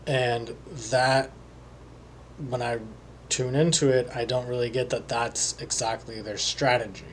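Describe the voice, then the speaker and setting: A man talking alone as a psychic reader, slowly and hesitantly, with many pauses and fillers. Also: medium pitch, fairly even intonation, slight background noise. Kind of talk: solo monologue.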